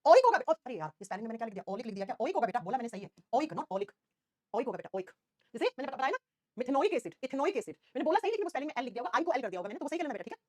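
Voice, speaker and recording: Woman teacher, high lively voice, very fast talk, dry close sound. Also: no echo. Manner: rapid, animated, questioning students constantly. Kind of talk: online class lecture.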